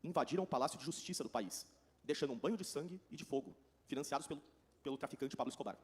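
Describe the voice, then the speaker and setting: A man with a Brazilian Portuguese accent works as a consecutive interpreter at a conference. His mid-pitched voice moves very quickly through each translated passage. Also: lively intonation. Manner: rapid, running translation.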